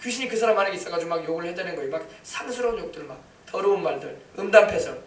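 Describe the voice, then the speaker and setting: A man preaching a sermon as pastor of a church, emphatic, breaking into shouted commands. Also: sits high, animated, racing, echoey room, far from the mic, a little hiss or hum.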